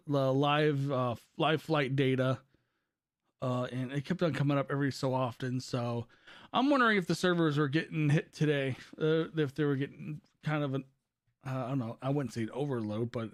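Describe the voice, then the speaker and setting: A live streamer who is losing his voice from overuse rambles casually through gameplay commentary, often correcting himself. His voice sits on the high side, captured with clean studio sound and no room sound.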